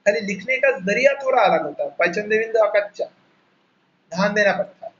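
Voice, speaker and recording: A man with a Bengali accent and a very high, bright voice teaches a class over a video call. He explains slowly, repeating each sound and spelling it out for his students. The audio is muffled and lo-fi, like a laptop mic on a call. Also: animated. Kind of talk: online class lesson.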